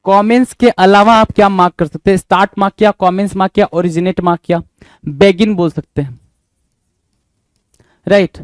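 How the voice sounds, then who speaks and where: A man's voice: high voice, fairly even intonation, moderate pace, pauses often, no echo. A man teaching an exam vocabulary lesson, asking the listener rhetorical questions over and over. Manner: repetitive quizzing asides.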